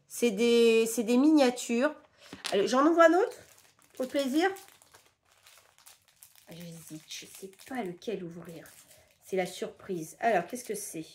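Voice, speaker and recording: A woman from France chatting casually through a shopping haul, rambling with fillers and sounding sick and stuffy. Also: mid-range voice. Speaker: vlogger showing a shopping haul. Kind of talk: casual haul chat to camera.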